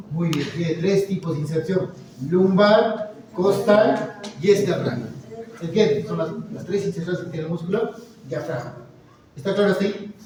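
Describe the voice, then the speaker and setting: Male lecturer, fairly high voice, questions the class constantly; recorded far off in a reverberant room. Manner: quizzing, encouraging, frequent "muy bien" and "¿ya?". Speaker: anatomy lecturer. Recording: echoey lecture hall, mic far off, students audible. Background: students murmuring and answering.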